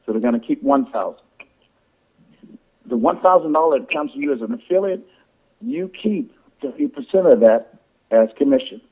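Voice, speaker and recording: A man giving an informal sales presentation to affiliates on a conference call, explaining in a halting, repetitive way with false starts. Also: on the high side, sing-song, slightly rough. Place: conference call over the phone. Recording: tinny, band-limited phone conference line.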